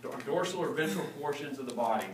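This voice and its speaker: A man teaches a class in a relaxed, joking manner and keeps checking that students follow. His voice sits a little high. He is recorded from a distance in a reverberant lecture hall with a faint background hiss. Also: quick pace. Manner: casual and joking, keeps checking understanding with "okay?". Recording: echoey room recorded from afar.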